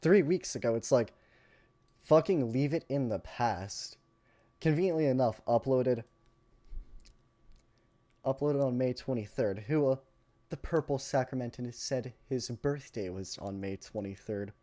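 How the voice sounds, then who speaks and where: A man's voice: mid-range voice, measured pace, long pauses, mellow. A man giving casual commentary, blunt and sarcastic, swearing freely. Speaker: commentary youtuber.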